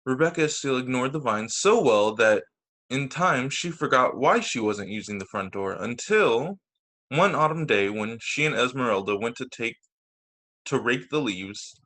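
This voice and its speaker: A teacher reads aloud from a children's book on a video call, his medium-pitched voice expressive, bright and forceful. He deliberately punches key words and slips in brief asides to the listeners.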